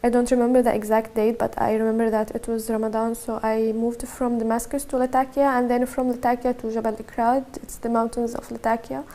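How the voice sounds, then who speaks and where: A young Syrian activist in her early 20s, whose first language is Arabic, gives a personal testimony to camera. Her voice is soft and gravelly with fairly high pitch, and she delivers it flatly, halting often with restarts and fillers.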